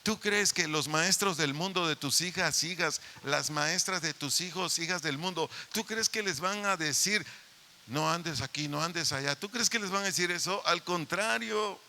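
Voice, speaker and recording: A man's voice: high-pitched, moderate pace, hardly any pauses, pushed and bright, a little hiss or hum. A man preaching a sermon as pastor, emphatic and repeatedly addressing the parents directly. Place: church meeting hall.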